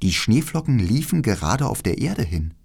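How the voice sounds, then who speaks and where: Man, audiobook narrator, fairy tale, low voice, very lively intonation. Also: gravelly, slightly rough. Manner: measured, expressive storytelling.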